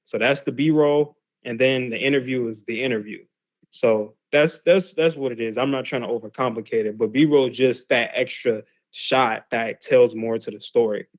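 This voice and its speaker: In a muffled recording, a male class instructor gives a casual explanatory lesson in a mid-range voice. His teaching is loose and conversational, full of fillers and restarts.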